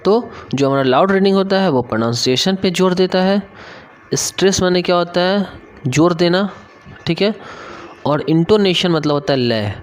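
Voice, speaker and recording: A young man from India with a Bihari Hindi accent, teaching an online exam-prep lesson, reading English lines slowly and then explaining them in Hindi, often checking in with his listeners. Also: sits high. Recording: faint background noise.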